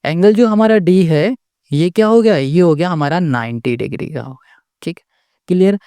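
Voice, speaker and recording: Mellow-voiced patient maths tutor. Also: medium pitch, moderate pace, no room sound. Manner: asks the class rhetorical questions and checks in with "okay?" often; patient and repetitive, restating each step. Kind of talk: step-by-step maths lesson.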